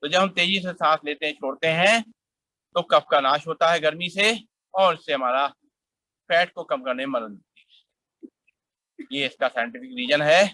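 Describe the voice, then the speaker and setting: A middle-aged man leading a guided yoga class outdoors, calmly instructing and counting breaths aloud in a steady rhythm. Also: a little high, moderate pace, long pauses, no room sound, rough recording.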